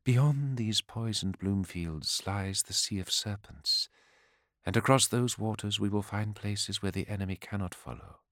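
A man voicing a serene, regal divine queen in a soft, measured, stately way. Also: fairly low pitch, no room sound, clean studio sound.

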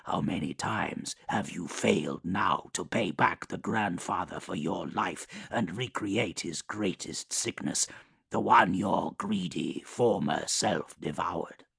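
A man voicing an ancient, menacing male demon lord who speaks in slow, low, measured threats. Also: gravelly, fairly bright tone, husky, no echo, clean studio sound, full character voice. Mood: cold, menacing.

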